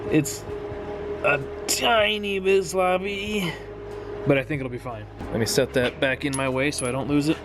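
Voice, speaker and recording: A man in his thirties with a somewhat high voice talks like a frat bro, casual and slangy with loose swearing. He is vlogging in a garage on a handheld camera, with clear music behind him. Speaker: host of a car project vlog. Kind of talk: casual garage vlog talk. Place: garage workshop, indoors. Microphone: handheld camera at arm's length.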